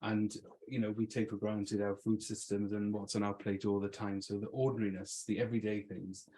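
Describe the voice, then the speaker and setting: A man's voice: lowish voice, little pitch movement, fairly quick, dark tone, low-quality recording. Swansea-accented man giving an informal talk. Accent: Swansea Welsh. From Swansea, South Wales. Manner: conversational, thinking aloud. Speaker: invited speaker, arts practitioner.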